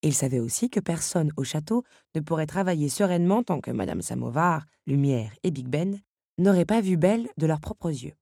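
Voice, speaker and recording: Woman narrating a kids story, dark husky tone, lively pitch. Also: moderate pace, no echo, studio quality. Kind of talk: storybook reading.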